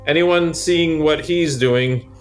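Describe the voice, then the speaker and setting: Speaking slowly in a fairly high pitch, this game master runs a tabletop session over soft background music. He narrates what happens and walks through the rules in an informal, chatty manner.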